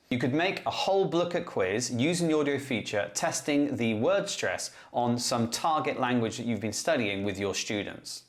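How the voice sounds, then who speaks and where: A man who teaches English, talking through a step-by-step tutorial in a clear, methodical way. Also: mid-range voice. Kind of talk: classroom-tech tutorial explanation.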